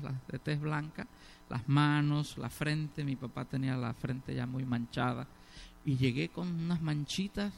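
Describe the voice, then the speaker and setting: Slow gravelly middle-aged preacher man. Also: fairly high pitch, darkish tone, slight background noise. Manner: asks the congregation rhetorical questions, stresses key words. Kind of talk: sermon.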